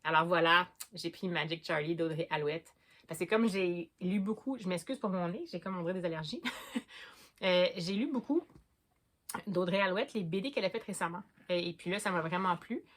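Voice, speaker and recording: Woman, Québécois accent, slightly low voice, casual book vlogger, hesitant and rambling. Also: moderate pace, a bit bright. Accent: Québécois French. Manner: chatty, hesitant, many fillers and restarts. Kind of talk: casual chat about books.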